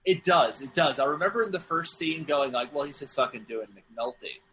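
Podcast co-host, male, slightly higher voice, bright edge, rambling jokey delivery. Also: a little fast, slight background noise, rough recording. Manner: rambling, joking, many fillers and restarts. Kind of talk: casual film podcast chat.

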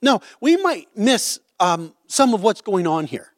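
High-voiced man teaching scripture. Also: very animated, unhurried, no room sound, studio quality. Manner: conversational, checks in with "right?" and "okay?". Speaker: Bible teacher. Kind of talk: Bible study teaching.

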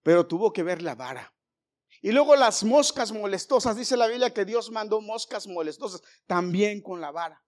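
A man's voice: sits high, lively intonation, normal speed. Man preaching a sermon. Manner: storytelling with jokes, addresses congregation as brothers.

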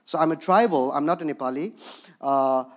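A man with a higher voice preaches at normal speed in a Himalayan accent; he's from Darjeeling, India, with a Bhutanese background. His sermon mixes in personal storytelling. He keeps it conversational, often checking in with listeners by asking "okay?".

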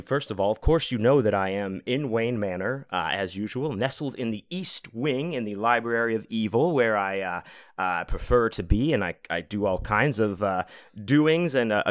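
A man's voice: fairly low pitch, animated, normal speed, a bit bright, no room sound. A man hosting his own podcast, talking loosely and rambling, with lots of fillers and swearing. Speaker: podcast host. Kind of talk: casual solo podcast monologue. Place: home room.

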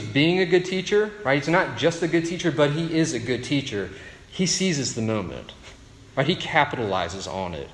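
A man preaching a sermon in a conversational way, often checking in with a rhetorical "right?". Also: mid-range voice. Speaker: pastor. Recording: long hall reverb.

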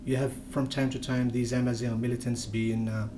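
A young man from Morocco, first language Berber (Tamazight), gives a conversational interview in English, halting with lots of fillers and restarts. He speaks fairly quickly in a flat, medium-pitched voice, and the background is noisy.

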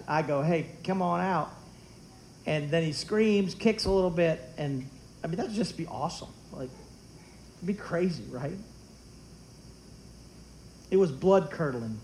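High-voiced man preaching with animated humor. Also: a little hiss or hum, poor audio. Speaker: pastor. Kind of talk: sermon. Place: church sanctuary.

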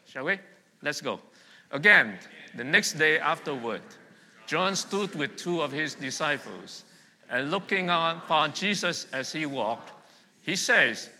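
The sermon comes from a middle-aged Vietnamese man serving as pastor, his voice a little high, bright, and forceful. Speaking conversationally, he asks the congregation questions and draws their responses, all under the long reverb of a church hall.

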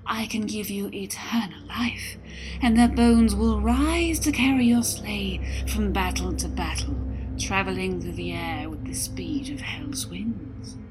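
A woman voicing a cruel, scheming ancient witch who talks in a hushed, breathy whisper. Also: mid-range voice, measured pace, over music, lightly acted, poor audio. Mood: sinister.

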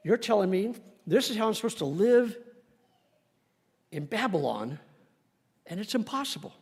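A man's voice: sits high, sing-song, normal speed, creaky, husky, in a large hall, pitched below the performer's own voice, full character voice. A preacher voicing an exasperated churchgoer man. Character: doubtful churchgoer complaining to the pastor.

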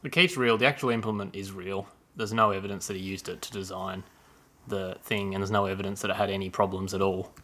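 A man with a low-ish, bright and forceful voice, chatting casually as a podcast host. He rambles, pokes fun at himself and drifts into long explanations. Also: steady tone, fast. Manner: rambling, self-deprecating, explains history at length. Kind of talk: casual chat.

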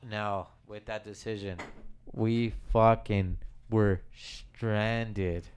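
A man's voice: on the low side, steady tone, drawn-out words, darkish tone, clean tone. A young man in casual chat with friends in a basement, reminiscing in a rambling, sentimental way with lots of swearing. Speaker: storyteller among friends. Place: home basement.

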